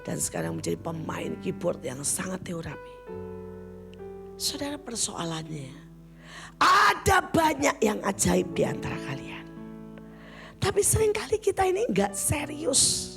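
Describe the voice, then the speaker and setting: A woman's voice: mid-range voice, unhurried, creaky, long pauses, music in the background. A woman preacher giving a sermon full of personal stories, often addressing her listeners directly as brothers and sisters and acting out the people she quotes. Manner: addresses listeners as "saudara" again and again; lively storyteller who acts out the people she quotes.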